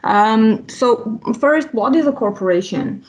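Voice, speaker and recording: Armenian-born woman attorney, halting webinar talk. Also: fairly high pitch, animated, rough recording. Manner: frequent "um" fillers and restarts. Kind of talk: legal presentation.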